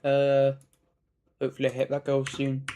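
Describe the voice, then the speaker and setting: A man's voice: medium pitch, completely flat delivery, moderate pace, dark tone. A man giving casual gameplay commentary as a streamer, thinking aloud as he plays. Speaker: gaming streamer.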